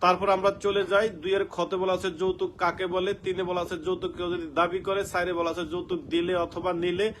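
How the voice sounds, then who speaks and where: A man with a Bangladeshi Bengali accent runs an online law lecture from home, racing through long lists of section numbers with barely a pause. His voice sits high and stays flat, with little rise or fall from one item to the next. A faint hum of room ambience sits under the talk. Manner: rapid recitation of section numbers, checks in with students. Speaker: law teacher.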